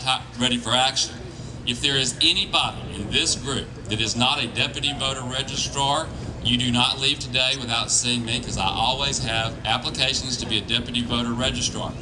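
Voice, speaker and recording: A plain-spoken man giving an informal political speech as a campaign organiser, with halting restarts. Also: medium pitch, fairly even intonation. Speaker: campaign organiser addressing volunteers. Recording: crowd noise behind live speech. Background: crowd.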